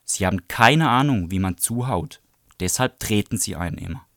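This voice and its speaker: A man reading aloud, voicing a bratty, hot-tempered schoolboy bully with snarling, shouted insults. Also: on the low side, animated, moderate pace, no room sound, clean studio sound. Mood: scornful.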